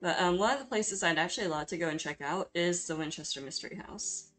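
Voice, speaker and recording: A woman's voice: lowish voice, fast talker, fairly bright tone. A woman giving a chatty, informal voice-over for her video, speaking in a hesitant, apologetic, self-deprecating way. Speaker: video creator hosting a drawing speedpaint. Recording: music playing behind the voice. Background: background music.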